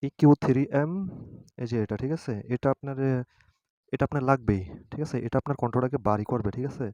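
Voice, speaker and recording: This tutorial host is a man whose medium-pitched voice sounds slightly mellow, with no room sound at all. Walking through an app informally, he halts and hesitates, repeatedly making sure his audience keeps up and agrees.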